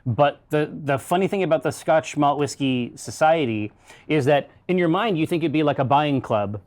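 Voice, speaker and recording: Slightly high-voiced guy hosting a beer show, rambles on, swears a bit. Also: lively intonation, moderate pace, a little mellow. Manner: talkative, explains at length, swears casually. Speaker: show host. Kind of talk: casual chat.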